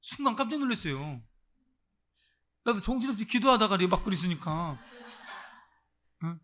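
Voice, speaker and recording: A man preaching a Sunday sermon as pastor, swinging between loud exclamations and near-murmurs and putting direct questions to the congregation. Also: high-pitched, big pitch swings, normal speed. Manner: acts out voices of those he quotes. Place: church service.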